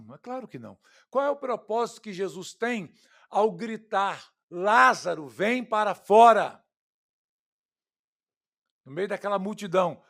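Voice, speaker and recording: A pastor with a high voice and a Brazilian Portuguese accent preaches an expository sermon. He shifts from loud, emphatic lines to hushed, quiet ones and refers to his listeners as "queridos" and "irmãos."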